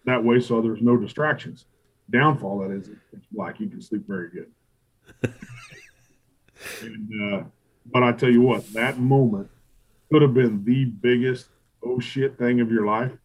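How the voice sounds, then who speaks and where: A middle-aged man, a barbecue pitmaster telling stories in a casual interview, animated and profane, acting out what he and others said. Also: mid-range voice, a little slow, pauses often, rough recording. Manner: animated, profane, quotes himself and others in acted asides. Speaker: competition barbecue pitmaster and restaurant owner.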